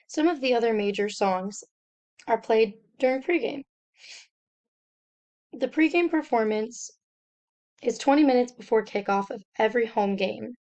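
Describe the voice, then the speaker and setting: A young woman, a student, reading a slide presentation aloud in a steady, step-by-step explanatory way. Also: a little high.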